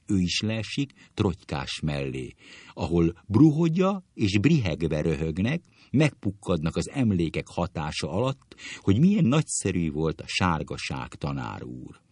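A man's voice: sits low, very animated, a little mellow, no echo. A man reading a comic story aloud, delivering the stage directions in a dry, matter-of-fact way. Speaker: narrator.

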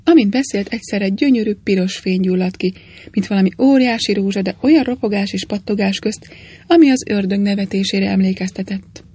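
Husky woman reading a story aloud. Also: mid-range voice, dark tone. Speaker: narrator. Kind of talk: audiobook reading of a classic story.

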